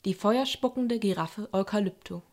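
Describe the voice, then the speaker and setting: A woman's voice: mid-range voice, moderate pace. Soothing woman reading a bedtime story. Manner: calm and soothing, voices characters lightly. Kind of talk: gentle bedtime story narration.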